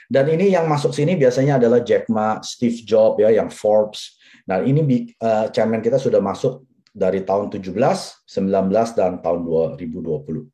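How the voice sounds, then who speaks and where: His voice is lowish and mellow: a business presenter in his forties giving a persuasive seminar talk. He speaks straight to the audience and reiterates his key points.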